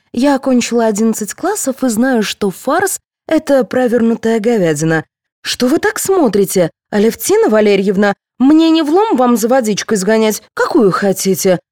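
A woman's voice: a little high, very animated, moderate pace, darkish tone, no room sound, clean studio sound, voice pushed up. A woman voicing a whiny, petulant young woman in an amateur theatre troupe in an audiobook.

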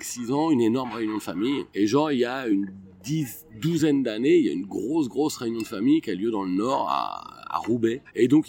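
A comedian from Picardy in casual conversation, rambling through a story with joking asides. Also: male voice, medium pitch, darkish tone. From France, Picardy. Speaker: guest comedian. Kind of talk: casual interview chat.

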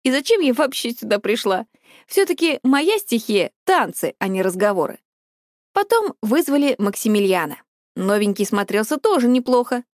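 A woman narrating a first-person story in a wry, expressive way as an audiobook reader. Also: on the high side, normal speed, no echo, studio quality.

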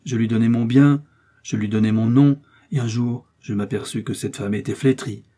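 A man's voice: medium pitch, fairly even intonation, moderate pace, mellow, lightly acted. A man playing a grave nobleman who trembles as he tells his accusation in an audiobook.

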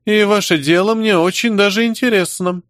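A man's voice: high-pitched, moderate pace, fairly bright tone, dry recording, clean studio sound, pitched above the performer's own voice. A man voicing a brash, scheming middle-aged goblin matriarch who talks in a sneering, pushy way.

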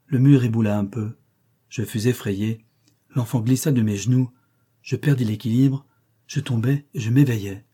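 A man voicing an anxious young woman governess in an audiobook reading of a classic novel, measured and solemn. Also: medium pitch, mellow, husky, natural voice. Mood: troubled.

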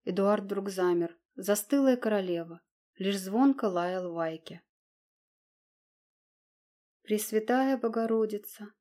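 A woman reads a historical novel aloud with expressive, measured narration. Her voice sits in a middle register for a woman, steady and clear in its storytelling. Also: medium pitch. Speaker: audiobook narrator. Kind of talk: dramatic audiobook narration.

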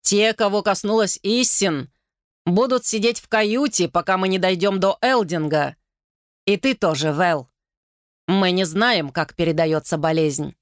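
A woman's voice: lowish voice, measured pace, no room sound, studio quality, lightly acted. A woman voicing a stern king in a storybook, giving curt, barked orders. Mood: stern command. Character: stern commanding middle-aged king.

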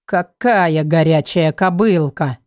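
A woman's voice: mid-range voice, animated, measured pace, no echo, natural voice. A woman voicing an insolent, leering young male nobleman with a drawling, sneering way of talking.

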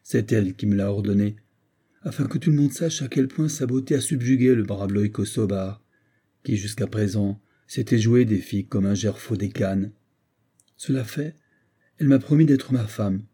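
A man's voice: on the low side, normal speed, dark tone, breathy edge. A man voicing a proud young Romani horse thief who speaks in a solemn, declaiming way in a spoken audiobook.

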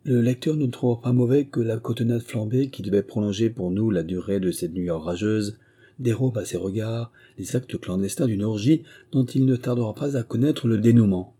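A male audiobook narrator with a deep, dark, husky voice. He tells the story in a measured, literary way, with his pitch sitting on the low side. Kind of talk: scripted narration.

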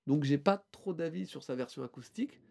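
A man talking on a casual podcast, his voice sitting a little higher than most men's. He rambles through a band presentation, hesitating, restarting and filling gaps with "euh". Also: brisk, gravelly, warm tone.

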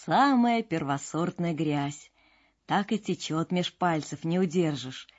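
A woman playing a loud, gleeful young simpleton. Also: fairly high pitch, animated, slow. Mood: gleeful, boastful. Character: cheerful boastful young male simpleton. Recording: dull lo-fi with faint music.

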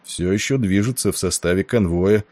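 Male reader as ailing older captain: low, dark, gruff, commanding and weary. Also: moderate pace, lightly acted. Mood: stern.

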